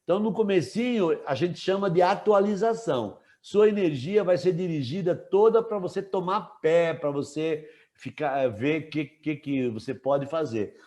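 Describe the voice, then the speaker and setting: A man teaching a live online class, relaxed and chatty, asking students questions and joking with them. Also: on the high side, moderate pace, few pauses.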